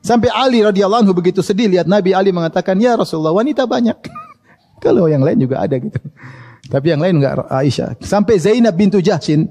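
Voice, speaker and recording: High-voiced male preacher in a reverberant hall. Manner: animated storytelling, chuckles, dramatic drops in voice. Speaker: Islamic preacher. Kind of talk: storytelling sermon.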